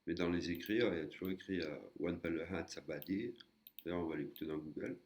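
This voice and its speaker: A man's voice: low voice, fairly quick, darkish tone. A man teaching a language lesson, explaining patiently step by step with frequent hesitations. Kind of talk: screen-recorded lesson.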